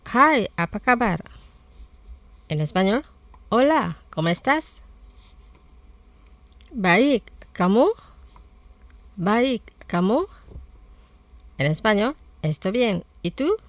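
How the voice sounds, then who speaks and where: A woman presenting a scripted radio language lesson, saying each word twice slowly and carefully. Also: mid-range voice, sing-song, fairly bright tone, dry recording. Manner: slow, careful repetition of words.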